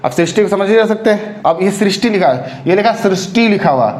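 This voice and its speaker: A man's voice: high-pitched, animated, fairly quick, a little mellow, roomy sound. A man teaching an exam-prep spelling lesson, drilling the correct form of each word by repeating it and checking in with his students again and again. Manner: drills correct forms, repeating words with frequent check-ins.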